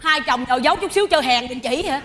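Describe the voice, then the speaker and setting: A woman playing a boastful, unhinged hired nanny in a stage comedy sketch, loud and bossy, often laughing as she talks. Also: sits high, quick pace, background noise, lightly acted. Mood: mock-remorseful. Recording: live stage audio with audience.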